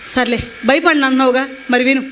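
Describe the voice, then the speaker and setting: A woman's voice: sits high, fairly even intonation, fairly quick, a bit bright, a little hiss or hum, pitched below the performer's own voice. A woman quoting a blunt army doctor. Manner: gruff, matter-of-fact warnings. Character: blunt male ex-military surgeon.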